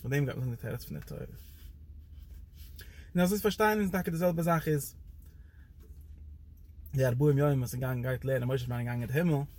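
A man's voice: moderate pace, pauses often. A man teaching a Torah lecture in a loose, rambling way, his voice jumping up and down for emphasis. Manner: animated, pitch jumps up and down for emphasis.

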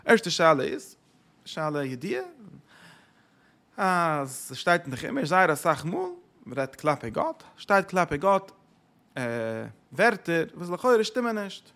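A man's voice: on the high side, very animated, slow, fairly bright tone. A male religious teacher lecturing on a text, asking rhetorical questions, repeating phrases and mixing in English words.

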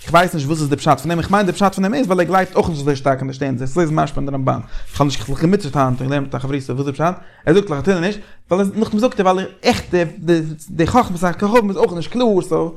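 A man leading a casual Talmudic study discussion, animated and repeating phrases as he thinks aloud. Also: fairly high pitch, racing, vocal fry, few pauses.

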